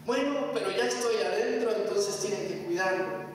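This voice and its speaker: A man's voice: high voice, normal speed, a little hiss or hum. Preacher in his thirties, echoing far-off hall. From Mexico, of Salvadoran parents. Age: 30s. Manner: testimony with call-and-response to the congregation. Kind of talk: sermon. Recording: echoey hall, picked up from far off.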